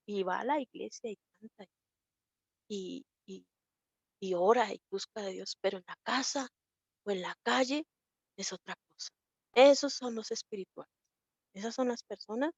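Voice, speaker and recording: A woman's voice: medium pitch, no room sound, dull audio. A woman teaching a Bible class in a conversational way, often repeating herself. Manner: conversational, repeats herself, acts out quoted people.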